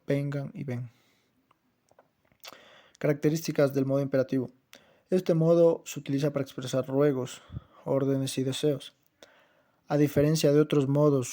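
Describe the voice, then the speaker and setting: A man reading a group class presentation on verb moods, listing conjugations steadily. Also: medium pitch. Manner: steady, even reading of grammar examples. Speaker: student presenter.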